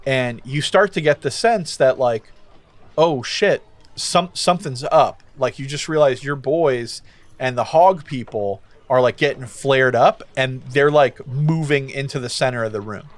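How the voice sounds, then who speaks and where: Man, game master, casual narration, lots of fillers, mid pitch. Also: normal speed.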